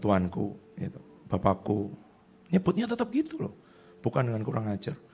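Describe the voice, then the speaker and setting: A middle-aged male pastor preaching a sermon in a lively, conversational way, acting out the voices of people he quotes. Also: high-pitched, vocal fry, a little hiss or hum.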